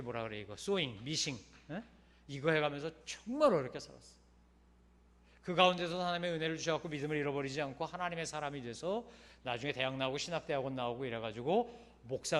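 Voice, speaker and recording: A man preaching a Sunday sermon as a pastor, telling a story in a colloquial, emphatic way that swings from loud stresses to soft, trailing phrase ends. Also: on the high side.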